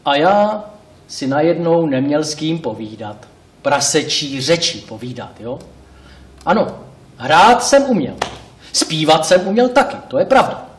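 A self-pitying talking pig in a live stage monologue, rambling and correcting himself as he speaks to the audience. His voice sits fairly high. The sound is roomy and captured from far off on a theatre stage. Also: very animated, slight background noise. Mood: rueful. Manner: bursts into indignant shouts. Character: talkative male pig, actor-like, wistful and self-pitying. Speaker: stage actor. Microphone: distant room mic.

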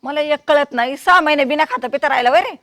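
A woman's voice: high voice, quick pace, a bit bright. A woman playing an older exasperated village mother who scolds and wails in a comedy sketch. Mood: scolding. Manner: scolding, wailing exclamations.

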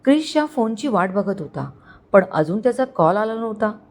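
A woman storyteller narrating a story in a steady, dramatic way. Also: mid-range voice, moderate pace.

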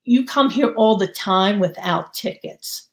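A woman's voice: mid-range voice, a little slow, lightly acted. A woman voicing a friendly studio doorman who recognizes a regular visitor. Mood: knowing. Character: kindly theater doorman, adult male.

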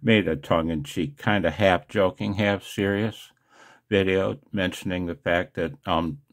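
In a rambling monologue to his viewers, a man hosting a video channel talks casually and pokes fun at himself, chuckling often. His voice is low, with fairly even intonation and a measured pace.

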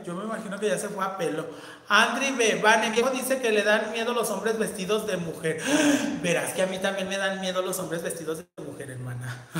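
A flamboyant man with a Mexican accent chats casually to viewers on a livestream, reading their comments aloud in a bright, forceful voice. The room is very echoey, with a long reverb trailing each phrase. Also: sits high.

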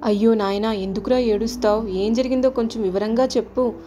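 A woman's voice: medium pitch, little pitch movement, a little fast, music in the background, lightly acted. A woman voicing Mother Earth as a caring, worried female goddess in a storybook tale, motherly in manner. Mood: soothing. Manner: motherly, scolding then soothing.

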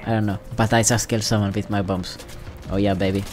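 A man's voice: lowish voice, little pitch movement, fast talker, over music. A man giving casual, self-mocking, rambling commentary over his gameplay. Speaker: gaming commentator.

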